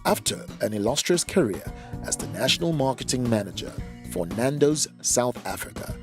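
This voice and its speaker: A man's voice: mid-range voice, big pitch swings, moderate pace. A man reading a scripted introduction in a formal announcer delivery. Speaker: narrator. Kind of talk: scripted narration. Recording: narration over music.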